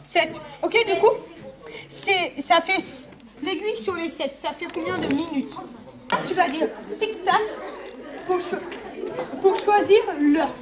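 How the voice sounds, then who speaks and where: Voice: very high voice, slow, long pauses. A kids party magician doing live show patter, giving volunteers instructions and questions, recorded in a large indoor room. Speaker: magician performing card tricks. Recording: large echoing hall with loud crowd noise.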